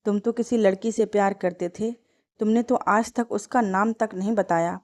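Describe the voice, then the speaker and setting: A woman's voice: mid-range voice, steady tone, moderate pace, darkish tone, natural voice. A woman voicing a grieving, resentful young wife in a storybook tale. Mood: bitter.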